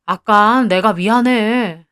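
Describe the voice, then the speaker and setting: Woman doing a sulky jealous boyfriend, short snappy lines, kinda high voice, story drama. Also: lively intonation, moderate pace, close to an everyday voice. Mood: wheedling. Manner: curt, sulky, then wheedling.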